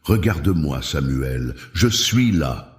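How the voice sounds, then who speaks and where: A man's voice: rumbling low, lively intonation, slow, pitched below the performer's own voice, full character voice. A man voicing a desperate mother who pleads, anguished yet firm. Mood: pleading. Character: desperate determined young mother. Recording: roomy echo.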